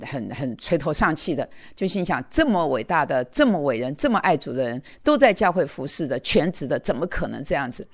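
A woman's voice: deep voice, dry recording, clean studio sound. A woman in her sixties preaching in a conversational way, telling a personal story with many fillers and repeated words. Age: 60s. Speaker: lay preacher. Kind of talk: testimony sermon.

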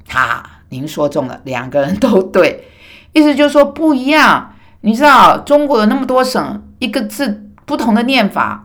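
A woman from Taiwan preaching a sermon in a lively, chatty way, with many fillers and side remarks. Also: on the low side.

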